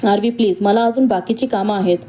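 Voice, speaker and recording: A woman's voice: mid-range voice, brisk, mellow, a little hiss or hum, close to an everyday voice. A woman voicing an older housekeeper who confides house gossip and warns in a cautious way. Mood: confiding. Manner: warning, confiding.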